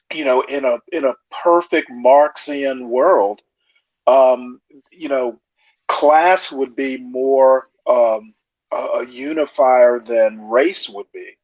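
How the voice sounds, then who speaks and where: A man calling into a talk show through earbuds, his voice muffled as if inside a fishbowl, speaking in a measured, hesitant, lecturing way. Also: medium pitch, a little mellow, dry recording. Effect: muffled sound, as if inside a fishbowl. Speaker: caller joining a live talk show. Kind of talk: casual call-in discussion. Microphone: earbuds microphone. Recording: dull lo-fi earbud audio.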